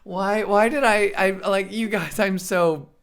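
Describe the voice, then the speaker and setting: A woman's voice: medium pitch, unhurried, creaky. A jet-lagged woman hosting a live stream in casual chat, rambling in a scattered way, swearing and laughing often. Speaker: livestream host.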